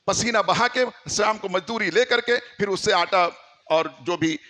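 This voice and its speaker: A man's voice: sits high, a little slow, pushed and bright. A man from India preaching a storytelling sermon, emphatic and exhorting his listeners.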